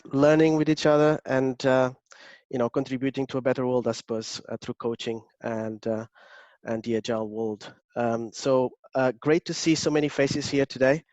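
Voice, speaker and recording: A Portuguese man with a matching accent, working as an agile coach, presents an online workshop over a video call, hesitating often with lots of fillers and restarts. His medium-pitched voice is steady and a little mellow, moving at a normal pace. The audio is dull but free of echo.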